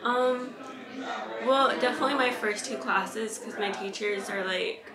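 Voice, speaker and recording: A woman's voice: fairly high pitch, measured pace. A teenage girl answering interview questions, hesitant and full of "like". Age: teens. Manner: hesitant, lots of fillers. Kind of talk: casual interview. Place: living room. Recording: echoey room with chatter.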